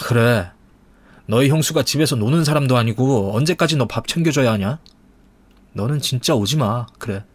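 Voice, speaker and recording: A man's voice: medium pitch, moderate pace, no room sound, natural voice. A man voicing a stern husband who bluntly scolds his younger brother. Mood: scolding.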